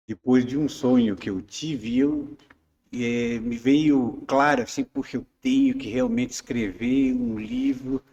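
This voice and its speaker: A man's voice: mid-range voice, gravelly, mellow, big-room sound, dull audio. A man in his seventies, a poet being interviewed, who talks hesitantly with many fillers and restarts. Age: 70s. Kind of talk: casual interview chat.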